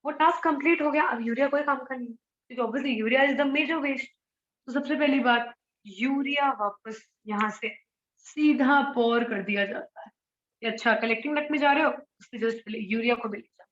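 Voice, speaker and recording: Woman teacher, high voice, biology lecture, rhetorical questions, echoey room, muffled. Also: fairly bright tone. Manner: explains in mixed Hindi and English, asks rhetorical questions.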